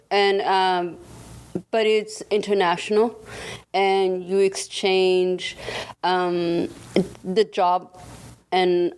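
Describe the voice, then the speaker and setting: Laughing woman from Germany, low voice. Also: smooth. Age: 30s. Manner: laughing often, animated when telling stories. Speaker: guest barber. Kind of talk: casual chat.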